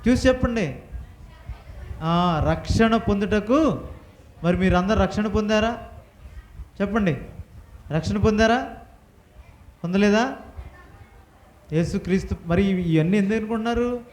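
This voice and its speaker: A man teaching a Bible lesson to children, firing questions at the class and having them repeat answers loudly. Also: sits high. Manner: quizzing the class with rapid questions. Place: church hall with children. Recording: echoey hall.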